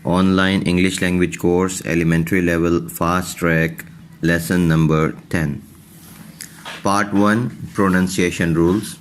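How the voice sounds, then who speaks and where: A man teaching English pronunciation in a recorded online lesson, slow and methodical, saying each example word twice. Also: low-pitched, little pitch movement, slight background noise.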